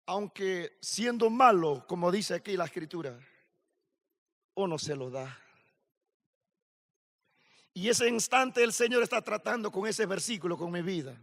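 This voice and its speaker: A man preaching a sermon at a youth camp, slow and emphatic, building to shouted questions. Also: high-pitched, expressive. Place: large hall at a youth camp. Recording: long hall reverb.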